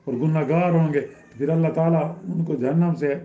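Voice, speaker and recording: A man teaching a Quran lesson in Urdu, explaining by repeating himself and rising in emphasis. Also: on the high side. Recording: roomy, dull lo-fi recording.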